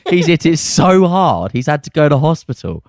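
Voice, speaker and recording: A man's voice: a little high, big pitch swings, moderate pace, darkish tone, dry recording, studio quality. A British man in his thirties co-hosting a casual podcast, telling anecdotes in a blokey, self-mocking, sweary way. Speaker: podcast co-host.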